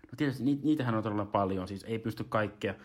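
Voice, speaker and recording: Man, host, casual comedic monologue, rambling, stop-start talk. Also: fairly low pitch.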